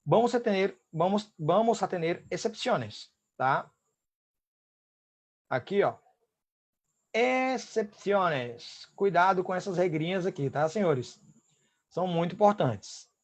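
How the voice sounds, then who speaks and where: A man's voice: high-pitched, lively intonation, a little slow. A Brazilian man teaching an online Spanish class, explaining step by step and checking in often with his students. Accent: Brazilian Portuguese.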